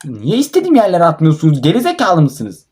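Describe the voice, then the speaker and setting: A man's voice: on the high side, wildly swooping pitch, fast talker, darkish tone. A young man commentating his own mobile football match, frustrated and swearing at his players. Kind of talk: live gameplay commentary.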